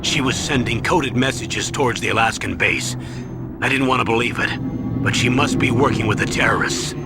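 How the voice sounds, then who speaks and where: An actor playing a solemn, reluctant military colonel in a video game, reporting in a measured way. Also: male voice, mid-range voice, vocal fry, natural voice. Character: grave, reluctant military colonel, male commanding officer. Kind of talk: dramatic video game voice acting. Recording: music behind the voice.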